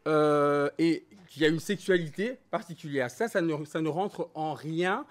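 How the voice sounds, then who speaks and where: A man born in Belgium and raised in Congo, telling his own story as a guest in a candid interview, talking in an animated, emphatic way. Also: fairly high pitch, unhurried. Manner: animated, emphatic, switching between French and Lingala.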